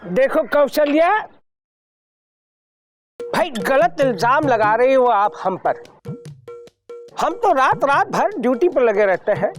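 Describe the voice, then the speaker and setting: An actor playing a flustered police commissioner husband, exclaiming and protesting in broad television comedy style. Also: male voice, very high-pitched, sing-song, slow, pauses often, soft background music, full character voice. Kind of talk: broad television sitcom acting.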